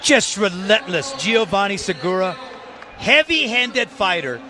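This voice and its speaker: Very high-pitched, emphatic male fight commentator. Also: very animated, a little slow. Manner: emphatic, dramatic phrasing. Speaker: play-by-play boxing commentator. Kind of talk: live sports commentary. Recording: loud crowd and arena noise behind.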